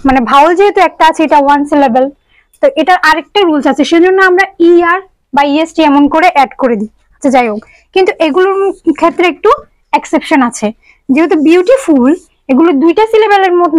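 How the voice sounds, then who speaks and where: A woman teaches English grammar. She goes step by step and mixes English terms into her talk. Her voice is high and sits dry and close to the mic. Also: dry recording, low-quality recording. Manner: explains step by step, asks students questions. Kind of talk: online grammar lesson.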